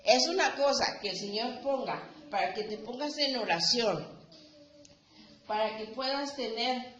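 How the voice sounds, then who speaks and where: A woman pastor giving a Sunday sermon with slow, emphatic delivery, acting out the prayers of the faithful. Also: fairly high pitch, a bit bright. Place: church. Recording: echoey church room, dull sound, faint hiss.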